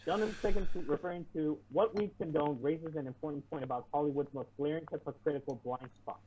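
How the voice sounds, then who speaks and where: A man's voice: on the high side, quick pace, warm tone. A man reading an article aloud on an online talk show, adding sarcastic asides and often stumbling and restarting. He sounds muffled, as if heard through a wall. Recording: muffled, distant, lo-fi mic with popping and faint hiss.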